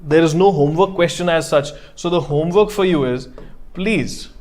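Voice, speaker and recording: A man with a North Indian accent teaches a live online class. His voice sits a little higher than average. He explains in steps, repeats his key phrases, and drops in short Hindi tags to check that students follow. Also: normal speed, a little mellow.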